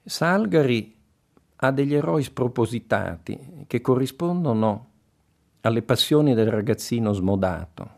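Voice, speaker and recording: A man giving reflective literary commentary in a contemplative, deliberate way. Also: mid-range voice, lively intonation, creaky, darkish tone.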